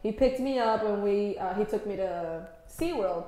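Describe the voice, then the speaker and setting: A young woman co-hosting a podcast, telling stories in relaxed, slangy casual chat. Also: mid-range voice, normal speed. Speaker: podcast co-host. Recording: very echoey room.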